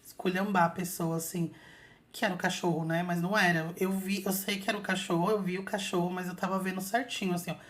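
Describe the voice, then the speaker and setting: Chatty woman telling a story, low voice. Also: fast talker. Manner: chatty, animated retelling with many fillers. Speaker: channel host telling an astral projection story. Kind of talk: casual storytelling to viewers.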